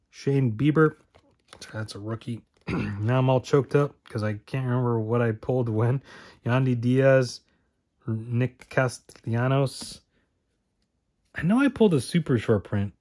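A man talks through a card-opening video in a relaxed, rambling way, reading off names in each pack. He keeps second-guessing himself and correcting his own memory out loud, at a middling pitch for a man. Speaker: card-opening channel host. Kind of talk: casual card-opening commentary.

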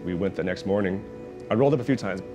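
Low-pitched and fast, this middle-aged man's voice comes through dull audio over music. Originally a Vietnamese speaker from Oklahoma City, USA, he's a professional skater interviewed at his restaurant, telling his skating story in a laid-back, casual way full of "like" and swearing.

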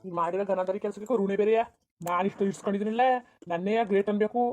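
A performer voicing a quarrelsome, quick-tempered village husband in a cartoon, with a berating manner. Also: mid-range voice, steady tone, natural voice. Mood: angry berating. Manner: shouting, berating, rapid. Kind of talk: cartoon voice acting.

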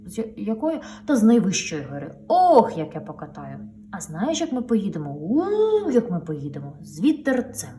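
A woman's voice: medium pitch, very animated, moderate pace, few pauses, mellow, a little hiss or hum, close to an everyday voice. A woman voicing an eager, bossy male truck from a storybook who honks, urges and coaxes, heard a little distant from the mic. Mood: coaxing. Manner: honking, urging, coaxing.

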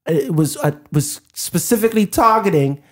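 A man co-hosting a casual Bible discussion podcast, talking in an animated, loose way and calling his co-host bro all the time. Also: high-pitched, normal speed, reverberant.

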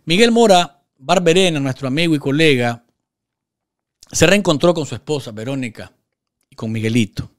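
A man's voice: a little high, expressive. Emphatic Nicaraguan man commenting on the news. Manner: emphatic, gestures with his hands, many filler pauses. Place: small TV studio set. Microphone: studio microphone on a desk stand.

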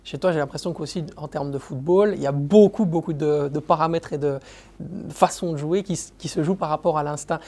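A man's voice: on the high side, fairly quick, warm tone. A man interviewing a footballer, asking long, meandering questions full of fillers.

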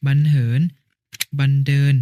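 A man's voice: a little slow, noisy background, natural voice. A man playing a patient older brother who explains a lesson step by step in an educational cartoon.

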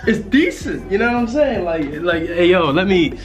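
A man's voice: sits high, big pitch swings, moderate pace, soft background music. Laid-back young man vlogging. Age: young adult. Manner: laid-back slangy rambling with repeated fillers. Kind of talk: casual vlog. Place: small hotel room, indoors. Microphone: handheld camera at arm's length.

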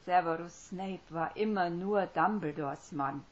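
A woman's voice: fairly low pitch, steady tone, moderate pace, voice pushed up, lightly acted. A woman doing an earnest, tearful young witch. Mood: firm, fervent. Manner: earnest, by turns hushed and fervent. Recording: dull lo-fi recording.

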